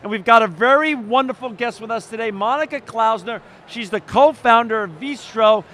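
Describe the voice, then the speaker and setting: Upbeat high-voiced man hosting an interview. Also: moderate pace, a bit bright, slight background noise. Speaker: radio show host. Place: outdoor festival booth.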